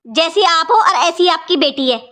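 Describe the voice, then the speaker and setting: A woman as a sharp, taunting cartoon aunt. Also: very high voice, expressive, moderate pace, heavily acted. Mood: scolding. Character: scolding stingy aunt by marriage, adult woman. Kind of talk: cartoon voice acting.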